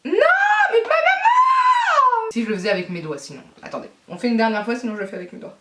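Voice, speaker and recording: Excitable woman vlogger in an echoey room. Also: mid-range voice, racing, recorded from a distance, a little hiss or hum. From France. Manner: excitable and flustered, swears, talks through each step. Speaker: beauty vlogger. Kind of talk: casual vlog talking to viewers. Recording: echoey room, speaking away from the mic.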